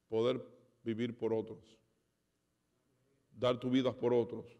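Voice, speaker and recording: A pastor preaching a sermon, dramatic, acting out conversations and swinging between loud and soft. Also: male voice, medium pitch. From Spanish heritage. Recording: reverberant hall.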